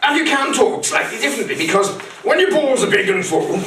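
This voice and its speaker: A man's voice: high-pitched, very animated, a little fast, fairly bright tone. A man rambling through a crude mock-instructional comedy monologue, swearing a lot. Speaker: comic performer. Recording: echoey room, far mic, noisy.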